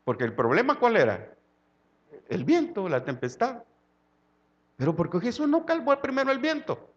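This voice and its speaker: A man preaching a sermon in Salvadoran Spanish, his voice pitched notably high. He shifts from hushed, low stretches to loud, fervent exhortation. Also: big pitch swings, normal speed, muffled recording. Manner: swings from quiet low tones to loud impassioned preaching.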